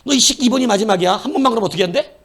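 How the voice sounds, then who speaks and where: A man playing an angry parent sternly warning a child, threatening and fast. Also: sits high, wildly swooping pitch, fairly bright tone, exaggerated voice. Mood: scolding.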